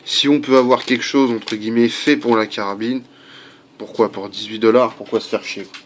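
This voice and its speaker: At a normal pace and medium pitch, this man keeps his tone steady while demonstrating how to swap a part on his airgun. The home video is relaxed and talkative, full of fillers and side remarks, with construction sounds faintly audible behind him.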